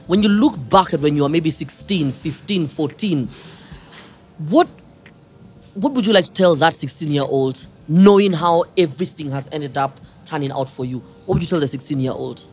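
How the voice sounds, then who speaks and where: A man's voice: on the high side, normal speed, faint music behind. A man hosting a podcast interview, chatty and teasing, often laughing. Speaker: podcast host. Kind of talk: casual interview chat.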